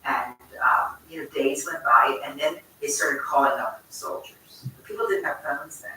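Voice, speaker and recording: An older woman telling a personal story to a group, chatty and animated, often breaking off mid-sentence and laughing. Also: a bass voice, measured pace, distant mic, a little hiss or hum. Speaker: congregant sharing a memory. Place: large community room at a congregation. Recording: echoey room recorded from afar.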